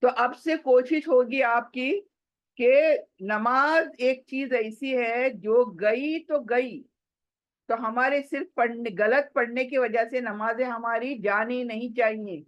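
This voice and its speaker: Woman recitation teacher, fairly high voice, patient, with mixed in, slow clear modelling, muffled lo-fi recording. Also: no room sound. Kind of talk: tajweed lesson with recitation.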